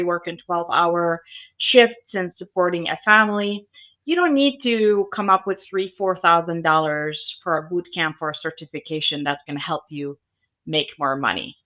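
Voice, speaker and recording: A woman with a bright but fairly low voice appears as a guest on a podcast interview in the Las Vegas area. She comes from an Arabic-speaking country, speaks Arabic as her first language, and founded a cybersecurity school.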